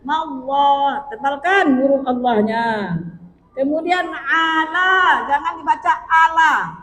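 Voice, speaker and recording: A woman's voice: sits high, animated, slow pace, pushed and bright, roomy sound, big-room sound, poor audio. A woman teaching Quran recitation rules, chanting verses and patiently correcting common reading mistakes. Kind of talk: tajwid lesson with sung recitation.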